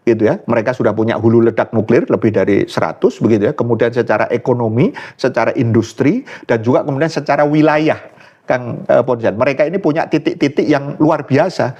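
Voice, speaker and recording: A man's voice: medium pitch, a little fast, a little mellow, dull audio. A man, a guest scholar giving political commentary in an interview, earnest and often searching for words with fillers and restarts. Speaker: guest speaker, Islamic scholar.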